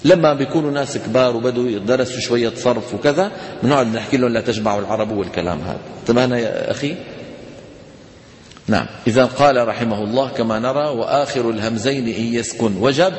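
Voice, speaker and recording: Levantine teacher in an echoey hall. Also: male voice, mid-range voice. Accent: Levantine Arabic. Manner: conversational, asks students rhetorical questions; chants Quranic examples slowly. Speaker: Quran recitation teacher. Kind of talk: classroom lesson on tajweed.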